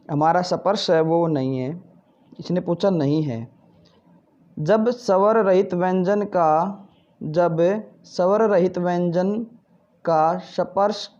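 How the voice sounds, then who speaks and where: A man's voice: a little high, warm tone, highs cut off. A male Hindi teacher patiently working through textbook exercises, asking questions and answering them himself. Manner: patient, repeats "ठीक है" and "भाई", asks then answers.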